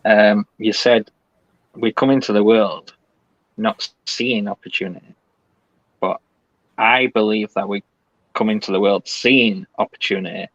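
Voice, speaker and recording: A man hosting a podcast interview, asking measured, probing questions. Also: fairly low pitch, steady tone, a bit bright, dry recording. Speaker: podcast host. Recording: dry, dull lo-fi sound.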